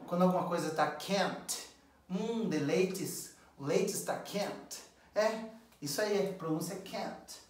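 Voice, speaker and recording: A man's voice: high-pitched, unhurried, recorded from a distance. Echoey Brazilian man teaching English. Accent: Brazilian Portuguese. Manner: drills phrases over and over, urges viewers to repeat. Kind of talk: video English lesson in Portuguese. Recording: very echoey room, voice away from mic.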